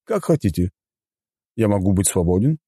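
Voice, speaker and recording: A composed young male butler speaks in a calm, polite, raised voice with something sinister under it, as a man acts him out in an audiobook. The tone is dark and dry, recorded close. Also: lowish voice, moderate pace, husky, no room sound. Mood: courteous. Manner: calm, courteous, faintly menacing.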